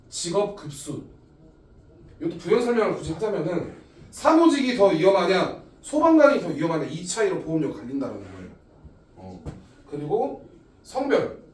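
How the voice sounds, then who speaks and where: A man in his thirties lectures on a topic step by step in a lively voice that rises and falls a lot and sits a little high. He sounds set back from the mic, and the room rings noticeably around him. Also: slight background noise. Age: 30s. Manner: lively, explains step by step with frequent "자". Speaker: insurance agent. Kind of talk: explanatory lecture. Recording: echoey room, voice a bit far from the mic.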